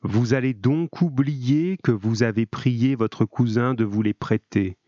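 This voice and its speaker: A man playing a calm, commanding middle-aged doctor who speaks slowly and deliberately. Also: mid-range voice, dry recording, natural voice. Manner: slow, measured, commanding. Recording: dull lo-fi, dry.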